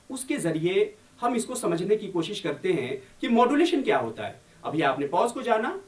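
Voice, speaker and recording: A man, a university journalism lecturer, giving a recorded video lecture with an expressive delivery and deliberate, dramatic pauses. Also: sits high. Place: room at the university. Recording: echoey room, mic at a distance.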